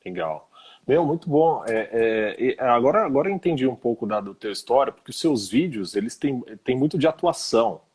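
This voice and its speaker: Man, husky, mid-pitched, casual slangy chat, live-stream host, video call. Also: fairly quick. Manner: relaxed and informal, with lots of slang fillers.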